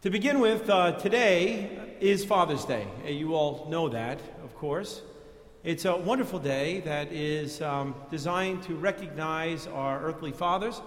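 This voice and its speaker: A man's voice: fairly high pitch, unhurried. A man with a New York accent preaching a sermon in a church, in a conversational, folksy way. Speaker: pastor. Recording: echoey church reverb.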